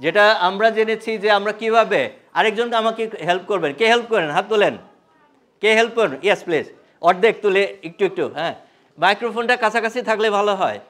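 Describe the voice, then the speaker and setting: High-voiced man teaching a class. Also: fast. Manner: animated, quizzes the audience, mixes English into Bengali. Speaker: English communication trainer. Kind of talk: live classroom workshop.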